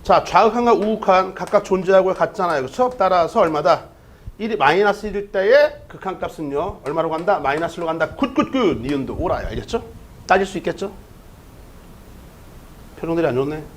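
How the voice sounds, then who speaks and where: A man's voice: high-pitched, brisk. A man teaching an online math lecture, talking students through a problem step by step and checking in with them often. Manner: lively, keeps checking in with the listener.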